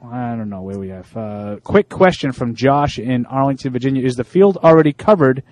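Reading listener emails with halting fillers, a co-host of a sports talk show chats in a relaxed, conversational way. He's Italian-American, with a medium-pitched voice that is a little mellow and lively in its intonation.

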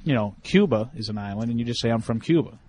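A man's voice: medium pitch, lively intonation, fast talker, a little mellow. A man co-hosting a casual sports radio talk show, reeling off stats and needling his co-hosts. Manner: quotes stats with a joking, needling edge.

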